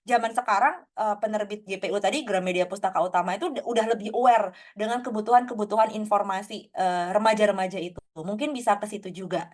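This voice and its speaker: A woman's voice: medium pitch, fairly even intonation, fast. A young woman speaking as a guest in a casual online talk, chatty with many fillers, acting out quoted lines.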